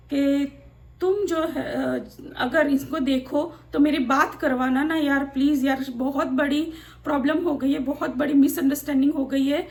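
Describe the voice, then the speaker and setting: High-voiced woman vlogger telling her story. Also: a little mellow. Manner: confiding, recounting a personal ordeal with quoted dialogue. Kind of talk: casual storytelling to camera.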